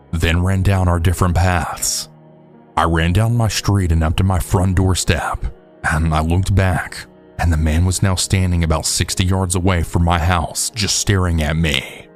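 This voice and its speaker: Deep-voiced man narrating scary stories. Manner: steady, measured storytelling. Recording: faint background music.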